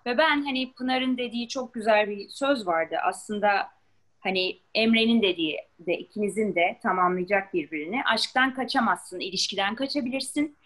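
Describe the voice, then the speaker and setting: A woman's voice: mid-range voice, normal speed, a bit bright, low-quality recording. A woman hosting a conversational discussion, thoughtful and explaining.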